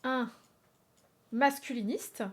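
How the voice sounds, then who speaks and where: A woman's voice: sits high, steady tone, slow pace, slightly rough. A woman streamer chatting playfully with her viewers while drawing in a game, often exclaiming aloud.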